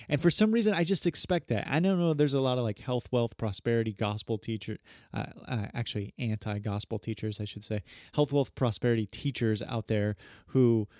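A man's voice: mid-range voice, a little mellow, no echo, studio quality. A man in his thirties, a pastor hosting a podcast, talking casually in a rambling, earnest way and often correcting himself. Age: 30s.

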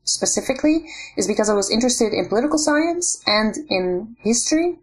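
A woman from the Netherlands, a guest on a podcast interview, speaking thoughtfully and steadily with soft fillers. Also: on the high side, expressive, fairly quick. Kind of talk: casual interview chat.

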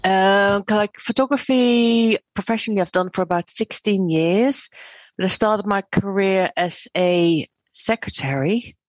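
Guest: fifties, chatty rambler, dry close sound. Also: female voice, medium pitch, a little slow, dry recording. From Netherlands. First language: Dutch. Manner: bubbly, rambling, many fillers. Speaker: photographer guest. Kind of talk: casual interview chat.

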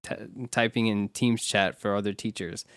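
A man with a smooth, resonant voice co-hosts a casual podcast. He talks with animation and often jumps into high, mocking voices to act out quotes. The recording is dry and close. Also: fairly even intonation, normal speed, dry recording. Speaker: podcast co-host.

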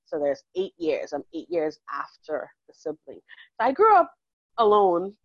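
A Bahamian woman in her forties, a counselor talking warmly and chattily in an interview, laughing easily. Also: lowish voice, big pitch swings, normal speed, no echo, highs cut off. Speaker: counselor and guest. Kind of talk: casual interview conversation.

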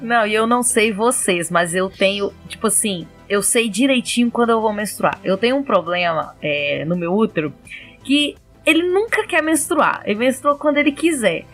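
A woman's voice: medium pitch, expressive, moderate pace, fairly bright tone, faint music behind. A woman hosting a podcast, explaining things in casual chat and laughing often. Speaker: podcast host.

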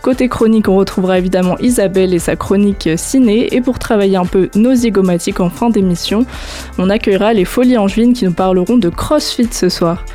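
A woman hosts a live radio show from a studio, her voice mellow and warm. She reads her introductions smoothly and chats with her guests in a friendly way. Faint music sits in the background. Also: medium pitch, a little fast.

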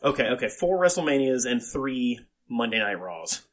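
A man hosting a podcast in casual chat, emphatic and halting, repeating himself and swearing freely. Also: mid-range voice, very animated, a little hiss or hum. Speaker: podcast host.

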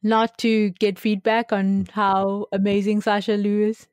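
A woman's voice: medium pitch, flat delivery, measured pace, darkish tone, clear, resonant tone, no echo. A young woman with a South African accent co-hosting a podcast, chatting casually with plenty of fillers and laughter. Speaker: podcast co-host.

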